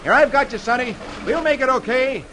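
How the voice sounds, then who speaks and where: A brave cowboy hero, as a man plays him, calling out boldly, pitched high and lively with a little background hiss. It is a radio western comic reading. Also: a little fast, poor audio. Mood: heroic. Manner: bold, calling out. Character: heroic brave male cowboy.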